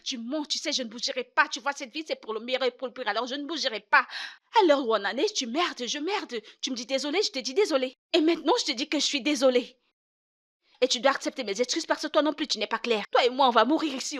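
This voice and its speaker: High voice, fiery defiant wife, heated repetitive challenges, film drama dub. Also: female voice, a bit bright. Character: defiant unfaithful young wife, fiery and stubborn. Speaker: wife in a marriage dispute.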